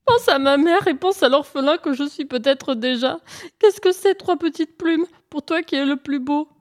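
A woman's voice: high voice, steady tone, normal speed, pitched above the performer's own voice. Woman voicing a whiny scheming young hare. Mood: whiny pleading. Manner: whining and pleading. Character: lazy cunning young male hare, whiny.

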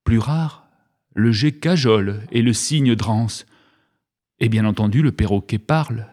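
A man's voice: mid-range voice, takes it slowly, darkish tone. A man giving a comic radio chronicle in a mock-solemn, pompous manner, like a presidential address, with playful mock-learned wordplay. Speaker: radio humor columnist.

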